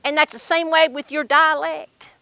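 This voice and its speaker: Bright, high-voiced older Appalachian woman storyteller. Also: fairly even intonation, moderate pace, creaky, dry recording. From Appalachian Mountains, Kentucky, USA. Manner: folksy, emphatic, uses dialect grammar. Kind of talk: live oral storytelling and personal reminiscence.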